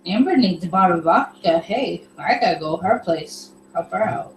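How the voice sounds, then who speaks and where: A woman's voice: lowish voice, lively intonation, normal speed, recorded from a distance. A woman co-hosting a casual livestream, reading viewer comments aloud and laughing often. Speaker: livestream co-host reading chat. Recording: echoey room with faint hum.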